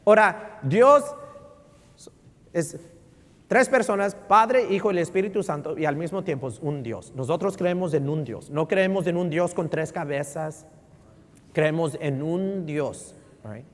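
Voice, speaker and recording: Male pastor, slightly high voice, bilingual sermon with loud-soft swings, reverberant sanctuary. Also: measured pace. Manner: switches between Spanish and English, keeps asking "right?"; swings from loud emphasis to near-murmur. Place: church sanctuary. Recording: long reverb in a large hall.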